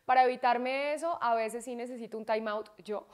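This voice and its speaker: A woman, chatting as a guest in an interview, expressive and quick to laugh. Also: on the high side, clear, resonant tone. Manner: expressive, laughs often, acts out quoted voices. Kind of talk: casual interview chat.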